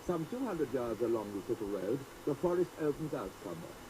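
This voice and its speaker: A man gives driving directions in a measured, scripted style, heard through the wobbly tape warble of a worn cassette player. His pitch wanders widely as the tape drags and speeds. Heavy tape hiss sits under every word. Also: very animated. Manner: measured, carefully paced directions. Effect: wobbly tape warble from an old cassette player with high wow and flutter. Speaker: tour guide narrator. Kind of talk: scripted narration of a driving tour. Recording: hissy old cassette tape played back aloud.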